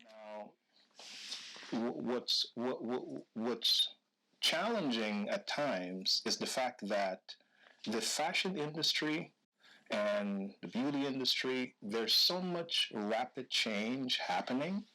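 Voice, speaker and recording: A man from Guyana hosting an interview, asking questions slowly and haltingly, with many ums and repeated words. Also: medium pitch, expressive, sharp tone, rough recording. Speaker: interview host.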